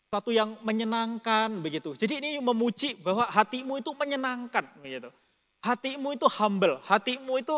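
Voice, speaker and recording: A man's voice: high-pitched, fairly bright tone, long reverb tail. A man preaching a Bible study in casual Indonesian. He rambles with many fillers and speaks straight to the congregation. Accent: Indonesian, Surabaya region. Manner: addresses the congregation directly. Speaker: pastor.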